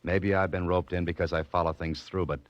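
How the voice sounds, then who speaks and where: A man's voice: low-pitched, flat delivery, a little fast, dry recording, close to an everyday voice. An American man acting an earnest, hard-boiled adventurer in a 1940s radio drama. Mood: urgent pleading. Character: earnest hard-boiled male writer-adventurer wrongly accused. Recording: muffled old radio recording.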